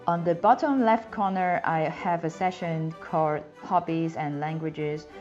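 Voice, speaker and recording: Deep-voiced and unhurried, with a darkish tone, a Hong Kong woman in her thirties delivers career advice straight to the camera. Cantonese is her first language and she has a Hong Kong accent, and her explanations are earnest and clear, if slightly non-native in phrasing. She sits in a small indoor room with a plain background, filmed mid-shot, and the sound is slightly dull with faint music behind it.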